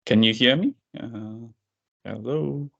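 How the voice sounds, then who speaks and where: A man's voice: mid-range voice, slow, gravelly, fairly bright tone. Man on a video call that keeps dropping out. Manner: repeatedly checking if he can be heard. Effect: video call audio dropping out, thin and distant. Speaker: call participant. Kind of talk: casual chat. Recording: distant dull call audio.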